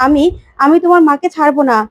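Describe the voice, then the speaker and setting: A woman's voice: high-pitched, steady tone, quick pace, no echo, highs cut off, lightly acted. A woman voicing the restless, vengeful ghost of a murdered man in a retold TV serial, speaking in a pleading, brooding way.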